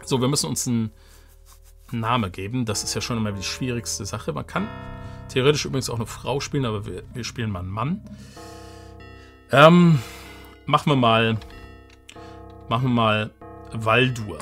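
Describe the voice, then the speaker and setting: Ein Mann, der locker und laut denkend ein Spiel im Livestream kommentiert, mit vielen Ähs. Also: male voice, mid-range voice, normal speed, long pauses, fairly bright tone, soft background music. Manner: chatty, hesitant fillers, thinking aloud. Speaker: let's player, livestream host. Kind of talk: casual live gameplay commentary.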